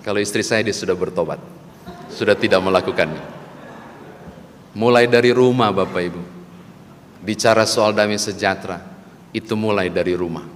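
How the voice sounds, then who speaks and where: A man's voice: on the low side, moderate pace, long pauses. Older guy pastor, sermon with a silly story, echoey church hall, bit of background hum. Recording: long church hall reverb, faint ambience.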